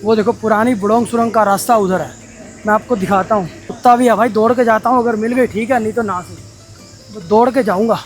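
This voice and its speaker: A man vlogging a mountain toy train ride, talking casually and excitedly to his viewers. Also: sits high, fairly quick. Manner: chatty, excited, addresses viewers as brothers. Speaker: travel vlogger. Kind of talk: casual travel vlog narration. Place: aboard a mountain toy train and on station platforms.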